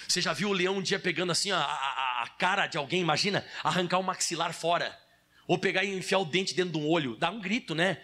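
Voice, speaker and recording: A man's voice: high voice, fast, sharp tone. A man with a Brazilian Portuguese accent preaching a sermon as a pastor. He tells the story dramatically, acts out sound effects, and calls his listeners brother. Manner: emphatic, addresses listeners as brother.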